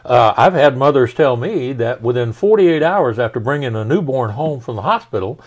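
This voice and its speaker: A middle-aged man, a pastor, talking through his teaching in a relaxed, folksy conversation. He leans on everyday examples and tosses questions back at his listener. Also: mid-range voice, normal speed.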